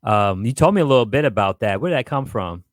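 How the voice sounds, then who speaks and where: A man's voice: medium pitch, lively intonation, quick pace, dry recording. Upbeat radio host man, dry close sound. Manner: enthusiastic, loose, with fillers. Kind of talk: casual radio interview.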